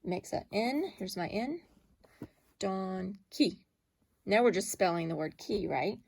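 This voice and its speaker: A woman's voice: medium pitch, sing-song, creaky, a little mellow, a little hiss or hum. Patient woman teaching phonics. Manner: patient, sounding out letters slowly. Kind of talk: phonics lesson for children.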